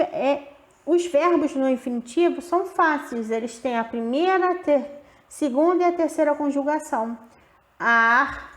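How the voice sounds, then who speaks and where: A woman teacher giving a grammar lesson, slowly stretching out the example words as she explains. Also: sits high, roomy sound.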